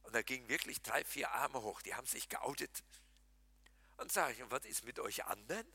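A pastor delivers a lively Pentecostal sermon in a bright, forceful, husky voice that swings widely in pitch and moves briskly. Animated, he speaks straight to the congregation, joking, laughing and challenging them, and the recording is dry and close with no room echo.

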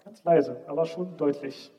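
A man preaching a sermon and telling a personal story, swinging between loud, emphatic stretches and almost whispered lines. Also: on the high side, unhurried, big-room sound, dull audio.

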